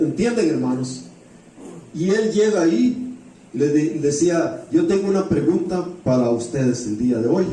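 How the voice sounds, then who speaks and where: Here a man with a mid-range, dark voice tells stories as he preaches, returning to key phrases for emphasis and regularly asking the congregation rhetorical questions. The recording is very echoey, made in a church hall with a distant microphone and a little background noise.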